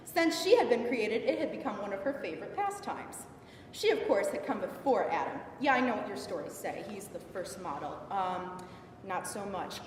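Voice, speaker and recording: A woman's voice: a little high, natural voice. A young woman performing a defiant, indignant biblical Eve in a sarcastic, emphatic, conversational stage monologue. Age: young adult. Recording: echoey hall from far off, some noise.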